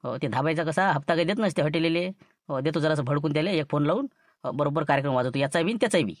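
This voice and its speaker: A man's voice: a little high, quick pace, dry recording, clean studio sound, close to an everyday voice. A man with a Varhadi Marathi accent playing a boastful schemer in a comic sketch, rambling about his plans. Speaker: scheming villager in a comedy skit.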